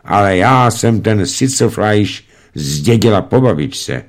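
A man's voice: fairly low pitch, lively intonation, lightly acted. A man voicing a very old, unflappable female servant who talks in a folksy, composed way in a storybook reading. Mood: calm, chatty. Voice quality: folksy colloquial speech, unhurried and composed. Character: ancient calm female servant, centuries old. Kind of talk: audiobook reading.

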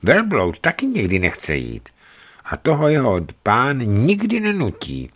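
Man doing a gentle young waiter, earnest, pleading, higher voice, audiobook. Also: huge pitch swings.

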